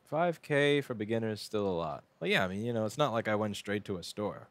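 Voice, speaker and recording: A man's voice: on the low side, lively intonation, a little fast, a bit bright, no room sound. A man who owns a repair shop, chatting casually to a live stream while he works on a board. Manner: casual, chatty, talks to chat while working.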